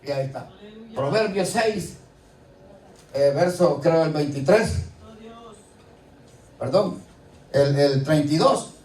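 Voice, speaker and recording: A man's voice: a little high, lively intonation, takes it slowly, pauses often, darkish tone. A man preaching a sermon in a conversational way, often asking the congregation rhetorical questions. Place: church. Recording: echoey hall, voice from a distance. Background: faint ambience, congregation responses.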